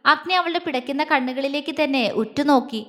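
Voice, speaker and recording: A woman narrating a romantic audio story in a smooth, expressive reading. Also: high voice, fast talker, big-room sound.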